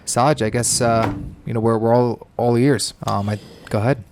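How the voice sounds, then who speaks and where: Against a noisy background, a man with a mid-range voice speaks at normal speed with fairly even intonation. Co-hosting a podcast, he opens the episode with an upbeat introduction, prompts his guest, then offers short back-channel replies while interviewing.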